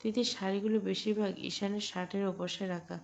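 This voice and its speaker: A woman narrating a romantic audio story in a calm, even storytelling voice. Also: medium pitch, brisk, creaky. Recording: dull lo-fi recording.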